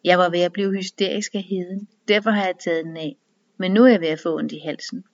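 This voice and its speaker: A woman's voice: lowish voice, steady tone, natural voice. Woman voicing impatient party woman, hissing, dismissive, dull sound.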